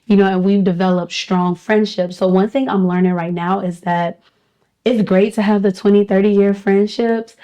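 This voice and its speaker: A woman with a warm, mellow voice, chatting in a casual roundtable among friends. She laughs easily, agrees quickly with the others and tells her own stories at an easy pace. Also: medium pitch, steady tone. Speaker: podcast guest.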